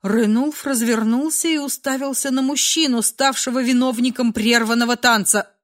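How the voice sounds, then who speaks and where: A woman narrating a dramatic audiobook in a measured, expressive way. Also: fairly high pitch.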